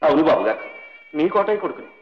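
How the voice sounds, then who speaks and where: A man's voice: a little high, very animated, quick pace, a little hiss or hum. An actor playing a young male doctor, earnest and reverent toward the old man who paid for his studies, in a film melodrama. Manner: earnest, reverent, calls out in anguish. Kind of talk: 1960s Telugu film melodrama. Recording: dull old film soundtrack with faint music.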